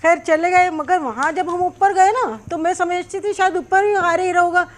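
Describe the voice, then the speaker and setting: High-voiced chatty woman telling a story. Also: steady tone, normal speed. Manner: rambling, many "है ना" fillers. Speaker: cooking channel host. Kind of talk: chatty storytelling while cooking.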